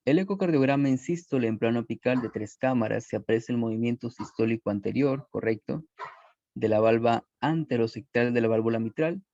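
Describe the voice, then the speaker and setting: A man's voice: medium pitch, fairly quick, darkish tone, no echo. A man presenting a recorded medical class, explaining steadily with fillers and small self-corrections. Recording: dull lo-fi voice recording.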